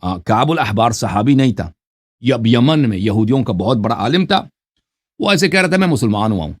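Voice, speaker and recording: Insistent lecturing man, lively pitch. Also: husky. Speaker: debater. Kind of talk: heated debate call.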